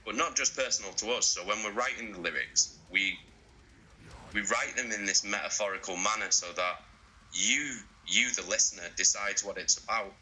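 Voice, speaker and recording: Man, deep voice, very bright sharp tone, casual interview chat, swears a lot. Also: normal speed, a little hiss or hum, low-quality recording. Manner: sweary, excitable, laughs often. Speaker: band member being interviewed.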